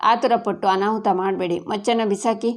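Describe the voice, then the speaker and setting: A woman voicing a hurried young peacemaker. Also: mid-range voice, fairly even intonation, close to an everyday voice. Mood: placating. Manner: hurried, placating pleas. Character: anxious young man peacemaker.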